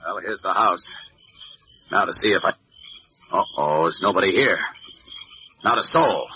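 A grown heroic superman: clipped urgent reads, bright, lo-fi vintage radio feel. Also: deep voice, measured pace, slightly rough, heavily acted. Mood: puzzled. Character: Clark Kent/Superman, heroic adult man. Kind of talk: 1940s radio acting. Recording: dull lo-fi old radio recording with faint hiss.

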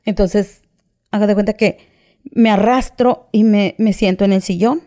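A woman tells her own story as an interview guest, with a dark, mellow tone at a middle pitch. She talks in a casual, halting way, restarting phrases and tagging them with "¿verdad?" and "¿va?". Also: fairly even intonation. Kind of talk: personal testimony, casual retelling.

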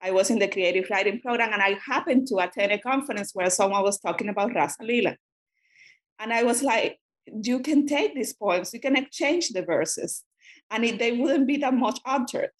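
A woman's voice: a little high, moderate pace. A woman who grew up in Cuba and speaks Spanish natively, answering as a guest scholar in an academic interview, thoughtful and often restarting her sentences.

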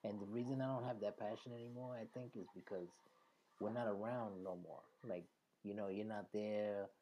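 Male show host, low mellow voice, streetwise bilingual slang, casual chat, faint noise behind. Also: fairly even intonation, moderate pace, rough recording. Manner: streetwise, slangy, sprinkles in Spanish. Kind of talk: casual conversational interview talk.

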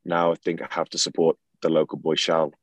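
A young man from England, a guest in a casual interview, talking in a relaxed, rambling way with lots of fillers. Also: a bass voice, fast talker, no room sound, rough recording. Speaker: guest, clothing brand founder.

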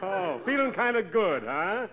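High-voiced 1930s beat cop. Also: male voice, big pitch swings, a little slow. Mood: affable, unruffled. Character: cheery, gullible 1940s city beat cop. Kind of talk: old-time radio comedy acting. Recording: tinny vintage radio, noisy, audience behind.

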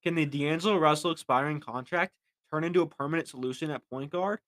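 A man's voice: on the high side, quick pace, fairly bright tone, no room sound. Young guy on a sports pod reading fan questions, trips over words a bit, dry close mic. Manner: reads listener questions aloud, stumbles over reading. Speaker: podcast co-host. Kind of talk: casual sports chat.

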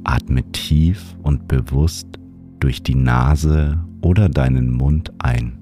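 A man narrating a guided sleep meditation as a podcast host, in the calming manner of a sleep story narrator. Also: rumbling low, slow, over music.

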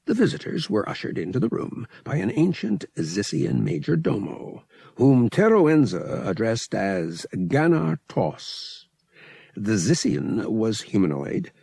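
Narrating a scripted audiobook story, a man reads in a deliberate, expressive, dramatic style. His medium-pitched voice is creaky with a breathy edge, and the recording is dry.

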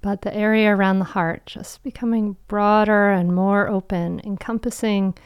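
A woman guiding a meditation in a soft, soothing, slow voice with long pauses, breathy and trailing toward a whisper. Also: mid-range voice, steady tone, dry recording, highs cut off. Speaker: meditation guide and show host. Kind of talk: guided meditation.

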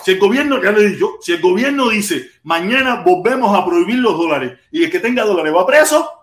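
A Cuban man hosting a casual live stream, talking in an animated, rambling way with lots of repetition and the odd shout. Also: sits high, fairly quick. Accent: Cuban Spanish. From Cuba. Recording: echoey room with faint noise.

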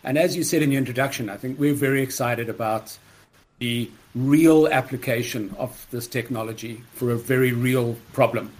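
A man speaks as a guest on a podcast in a mid-range voice. He explains in a steady, businesslike way, with a slight frog in his throat. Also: mid-range voice, moderate pace. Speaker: guest, startup co-founder. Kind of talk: podcast interview answers.

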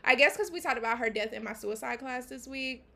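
A woman's voice: a little high, fairly quick, gravelly, pushed and bright. A young American woman co-hosting a podcast, talking casually and venting in everyday slang. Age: young adult. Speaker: podcast co-host, student.

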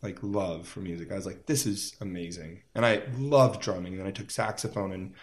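A man's voice: low-pitched, brisk. A man from Las Vegas, a musician guest in a casual interview, telling stories in a rambling way with many fillers. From Las Vegas, United States.

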